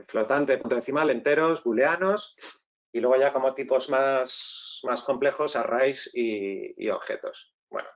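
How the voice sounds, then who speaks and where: With a medium pitch and noticeable vocal fry, a Spanish man from Spain hosts a tech webinar, explaining each step and pausing often to check in with attendees. The recording's highs are cut off.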